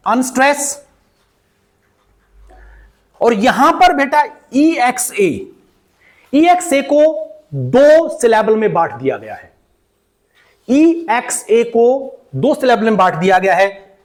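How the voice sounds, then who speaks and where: A man with an Indian English accent teaching pronunciation in mixed Hindi and English, calling his viewers "beta" and repeating each word several times. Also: sits high. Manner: slow, repeats words many times for drilling.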